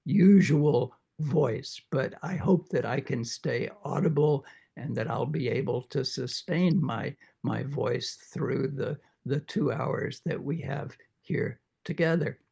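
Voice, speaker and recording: An older man leads a reading group in an informal lecture, his medium-pitched, dark voice croaky after throat surgery. He speaks haltingly, restarting often and filling gaps with uhs.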